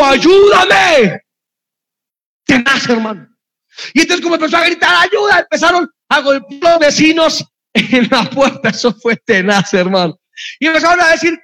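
High-pitched preacher, shouting passionately. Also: male voice. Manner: impassioned, often shouting, storytelling. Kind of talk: sermon.

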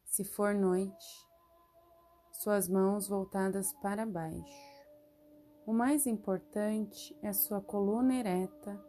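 Very slow, mellow woman guiding meditation. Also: medium pitch. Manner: slow, soothing, instructional, with long pauses. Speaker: meditation guide. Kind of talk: guided relaxation meditation.

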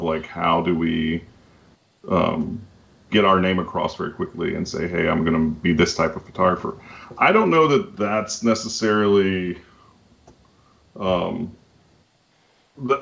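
A man's voice: sits low, vocal fry, muffled recording. A man speaking as a guest photographer on a podcast, rambling casually with many fillers and restarts.

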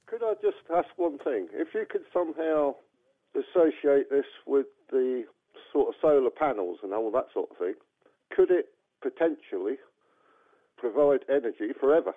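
A man's voice: medium pitch, expressive, moderate pace, no echo. A male caller heard over the phone, his voice squeezed into a thin, tinny band with no room sound around it. He speaks politely and gropes a little for his words as he puts his question to the show. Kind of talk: asking a question on a call-in show. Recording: tinny dry phone line.

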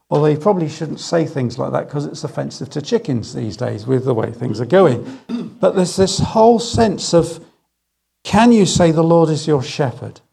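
Gravelly man preaching a sermon. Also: on the high side. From England. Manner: storytelling with gentle humour, slow emphatic phrases. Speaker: guest speaker.

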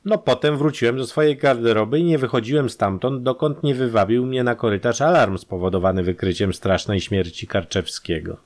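A man voicing a nervous, evasive male film actor who stammers under questioning, his voice slightly hoarse. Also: mid-range voice, fairly quick, hardly any pauses, pitched above the performer's own voice, lightly acted. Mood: flustered. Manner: stammering, flustered.

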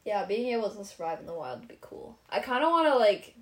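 A young woman co-hosting a casual chat, with a lower voice, laughing often and swearing freely. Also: very animated, fast. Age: young adult. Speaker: podcast co-host. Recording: echoey room.

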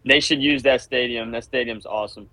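Male regular, mid pitch, rapid jokey interjections. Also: pushed and bright, dry recording, poor audio. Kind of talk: casual sports chat.

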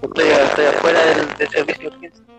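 A man from southern Chile, chatting casually and hesitantly on a video call from outdoors, his voice coming through a choppy, robotic, echoey low-quality internet stream. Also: flat delivery, fast, vocal fry, loud music behind the voice. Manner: hesitant, repeats words. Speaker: nursing student on an online call. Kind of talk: casual group chat. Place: outdoors outside an emergency department.

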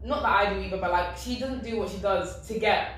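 A woman's voice: mid-range voice, fast. A woman in her twenties with a South London accent, telling personal stories in a casual, chatty, informal way as an interview guest. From South London, England. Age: 20s. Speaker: interview guest, radio station DJ. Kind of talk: casual chat, personal storytelling. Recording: echoey room, distant mic, faint noise.

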